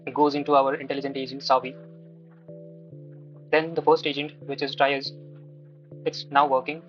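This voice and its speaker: A man with an Indian accent giving a live software demo, explaining step by step in a halting way. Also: on the high side, lo-fi sound. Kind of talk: live product demo walkthrough.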